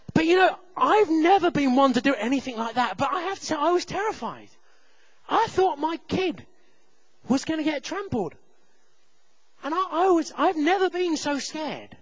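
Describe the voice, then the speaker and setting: A high-voiced man preaching, his tone bright and gravelly. He tells a story with self-deprecating humor and sudden shouted bursts. The sound is dry and slightly dull. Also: lively intonation, moderate pace, no room sound. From England. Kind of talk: sermon with personal story.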